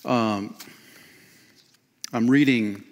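A man's voice: medium pitch, steady tone, drawn-out words. A middle-aged man preaches from a lectern on a church stage, his voice sitting in an ordinary middle register. He speaks with energy and emphasis, often calling listeners "man" and "friend". His words trail off into a long church-hall reverb. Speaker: pastor. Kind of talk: sermon. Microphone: lectern mic.

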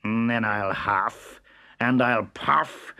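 A man voicing the hungry big bad wolf in a storybook reading, stretching every word slowly and menacingly. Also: mid-range voice, vocal fry, bright, forceful tone, exaggerated voice. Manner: slow, drawn-out, menacing delivery. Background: background music.

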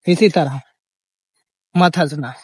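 A young man chatting casually and upbeat as he vlogs his walking pilgrimage. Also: high voice. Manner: chatty, jokey, upbeat, religious greetings. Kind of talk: casual vlog narration while walking.

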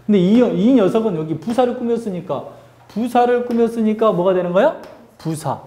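A male English teacher giving a lively classroom grammar lesson, drilling students with call-and-response questions and teasing them. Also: high-pitched, fairly quick, reverberant.

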